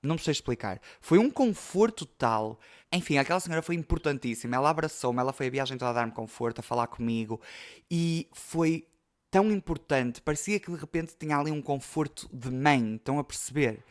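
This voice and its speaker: A man's voice: fairly high pitch, expressive, brisk. A young man with a European Portuguese accent, hosting a podcast and telling personal stories in a chatty, emotional way full of fillers. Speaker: podcast host. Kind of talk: casual storytelling.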